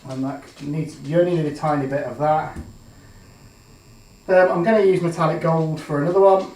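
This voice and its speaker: Guy demoing resin art, plain flat-ish voice, lots of ums, far off the mic with room echo. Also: fairly high pitch, normal speed. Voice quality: plain even voice he calls monotone. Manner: chatty, hesitant with frequent ums, changes his mind aloud. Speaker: resin artist demonstrating a pour. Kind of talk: casual tutorial talk while working. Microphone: built-in camera mic, his usual mic out of action. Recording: echoey room, voice picked up from a distance.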